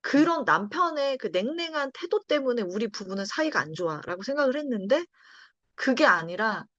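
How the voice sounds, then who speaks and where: Woman, pastor's wife, testimony, animated pitch, fairly high voice, dull dry recording. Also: normal speed, no room sound. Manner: expressive storytelling, acts out quoted lines. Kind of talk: personal testimony conversation.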